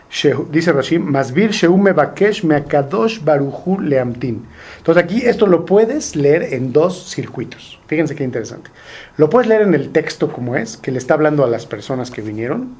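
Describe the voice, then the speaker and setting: A man's voice: medium pitch, a little mellow. A man teaching a Torah study group, asking questions and translating Hebrew quotes. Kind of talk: informal study-group lesson.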